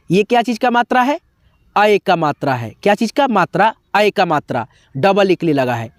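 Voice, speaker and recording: A man's voice: high-pitched, no echo. Man teaching, dry close sound. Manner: repetitive, asks and answers his own questions; drawn-out chanted syllables in drills. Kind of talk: blackboard-style alphabet lesson.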